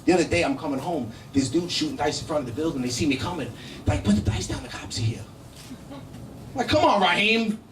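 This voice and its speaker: A middle-aged comedian from Brooklyn, New York, with a New York accent, does brash, profane live stand-up at a cafe comedy show, bantering conversationally with the crowd. His voice is a little high and lively, a bit fast, picked up from a distance in an echoey room with background noise.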